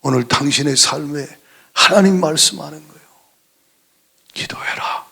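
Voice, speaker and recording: High, gravelly-voiced male pastor preaching. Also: normal speed. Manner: impassioned preaching, swings from shouted exclamations to hushed whispers. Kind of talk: sermon. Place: church sanctuary.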